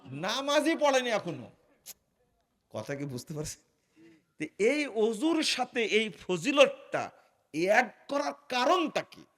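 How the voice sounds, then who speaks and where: A man delivers an Islamic sermon at a slow, deliberate pace. His fairly high voice leaps up and drops down a great deal. He keeps asking the listeners questions, then answers them himself, loud at the peaks and hushed in between. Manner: swings between loud emphatic peaks and low quiet asides. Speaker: preacher.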